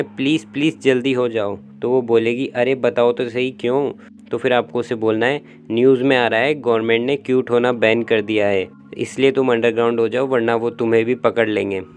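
A young man talks straight to camera in a casual, instructive tone, walking through sample lines and playing both sides of each conversation. His voice sits at an ordinary middle pitch, and faint music runs quietly behind him. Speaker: YouTube dating-tips host. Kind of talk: casual explainer vlog.

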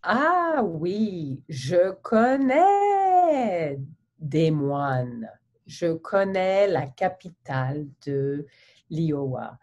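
Over a webcam video call from her home office, a woman interviews a colleague in slow, simple French meant for learners, using a virtual background. Her voice sits fairly low and the audio sounds dull. She is animated and theatrical, asking exaggerated questions and gesturing broadly.

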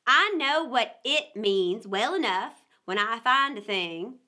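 A woman's voice: fairly high pitch, lively intonation, takes it slowly, sharp tone, full character voice. A woman voicing a blunt, literal-minded duck in a storybook, matter-of-fact and challenging.

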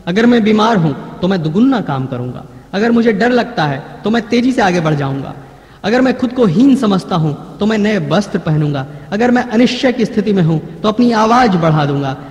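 A man giving a motivational sales lecture, declaiming pledges with emphatic, slow repeated phrases. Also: sits high, a little mellow. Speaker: trainer. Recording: echoey hall.

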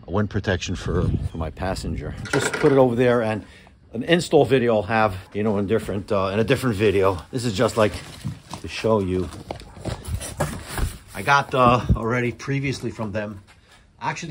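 A middle-aged man vlogging casually about his motorcycle, rambling and thinking aloud as he goes, recorded outdoors on a helmet-mounted action camera. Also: on the low side. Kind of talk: casual vlog narration. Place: outdoors, driveway and on a moving motorcycle. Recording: road and engine noise.

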